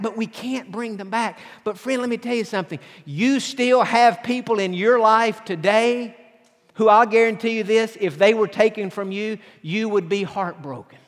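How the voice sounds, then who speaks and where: A man's voice: high voice, moderate pace. A man preaching a sermon as pastor, earnest and repeating phrases for emphasis. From southern United States. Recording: long hall reverb.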